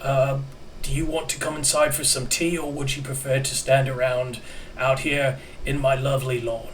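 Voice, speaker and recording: A man's voice: mid-range voice, level tone, normal speed, a little hiss or hum, lightly acted. A man voicing a very old, hunched male clone soldier with a New Zealand accent, welcoming and polite. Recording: distant mic, faint room ambience.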